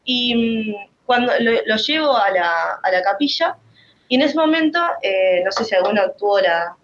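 A woman's voice: fairly high pitch, lively intonation, moderate pace, muffled recording. A woman with a Rioplatense Spanish accent giving an emotional, rambling personal faith testimony, full of restarts.

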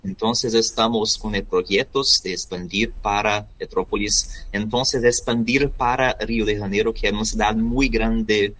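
Male interview guest, native Portuguese speaker with Brazilian accent, slightly low pitch, forceful tone, halting delivery. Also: level tone. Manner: halting, searching for words, mixing in Portuguese. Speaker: interview guest, volunteer youth radio host. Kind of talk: interview answers.

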